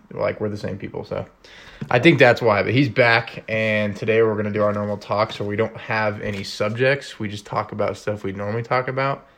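A man hosting a casual conversation, talking in a relaxed way with lots of fillers. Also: on the low side, vocal fry. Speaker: host. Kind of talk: casual chat.

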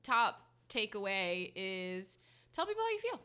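An American woman in casual podcast conversation. Her voice is bright and forward, and her pitch moves around with plenty of animation. She talks in a joking way, often at her own expense. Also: big pitch swings, measured pace, clear, resonant tone. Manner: self-deprecating, joking. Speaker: podcast co-host. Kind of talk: casual chat.

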